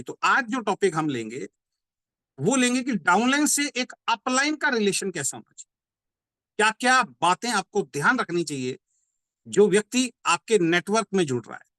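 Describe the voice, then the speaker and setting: A man giving a motivational business training talk. He explains by repeating points and asking rhetorical questions, and says key slogans slowly. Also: high-pitched, pushed and bright, no room sound. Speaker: network marketing trainer.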